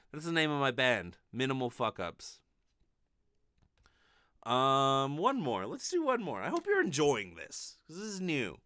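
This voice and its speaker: A man in his thirties, a vlogger and amateur ukulele player, chats casually to viewers from his bedroom, close on a studio condenser mic. He rambles in a self-deprecating way with lots of swearing. His medium-pitched voice has a sharp tone and huge pitch swings, and he speaks a little slowly, pausing often.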